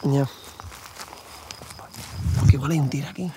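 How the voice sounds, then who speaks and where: An actor playing a credulous, nervous reporter who believes the story and fears the animal. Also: male voice, medium pitch, a little slow, noisy background, natural voice. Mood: scared. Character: gullible, easily scared male reporter. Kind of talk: audio drama acting.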